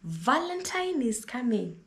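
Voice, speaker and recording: A woman's voice: fairly high pitch, sing-song, slow pace, roomy sound. Motherly Kenyan woman lecturing. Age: 30s. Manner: motherly, lecturing, repeats words and says "listen" often. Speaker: vlogger giving advice. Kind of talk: casual advice monologue to camera.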